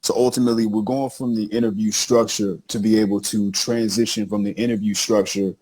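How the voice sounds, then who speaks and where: A man co-hosting a casual podcast, animated and hyping up his guest while repeating phrases. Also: lowish voice, brisk. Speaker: co-host introducing the show.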